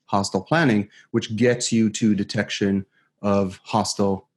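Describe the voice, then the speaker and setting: A man from Israel chats as an interview guest, recorded on a good microphone in his home kitchen. His talk is casual and halting, full of fillers and self-corrections as he explains his work. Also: on the low side, steady tone. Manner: hesitant, many fillers and restarts. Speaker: guest security expert. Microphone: studio microphone.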